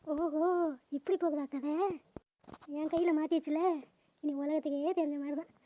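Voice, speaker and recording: A woman voicing a nosy, sharp-tongued, gossiping old neighbor woman in a cartoon. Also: sits high, little pitch movement, moderate pace, muffled recording, slight background noise, natural voice. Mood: scheming.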